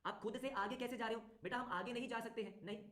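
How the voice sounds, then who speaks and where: A male tutor teaching an online class, talking briskly, repeating phrases and urging students to answer quickly. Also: very high voice, steady tone, fairly bright tone. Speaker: commerce exam tutor. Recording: roomy echo.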